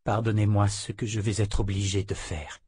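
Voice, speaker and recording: A sorrowful young husband in a storybook, murmuring low and gentle, as a man reads him. The husky voice sits dry and close. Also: normal speed, dry recording.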